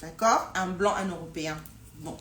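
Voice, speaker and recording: A woman's voice: on the low side, normal speed, fairly bright tone. A woman hosting a casual live stream, talking with frequent hesitations, repeated words and fillers. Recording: roomy echo with faint noise.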